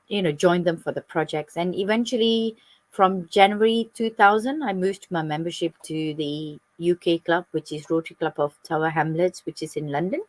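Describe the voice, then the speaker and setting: Malaysian-born woman guest on a video call, bit low voice, dry close sound, friendly and easy. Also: no echo. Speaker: guest, club president. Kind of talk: interview answers over video call.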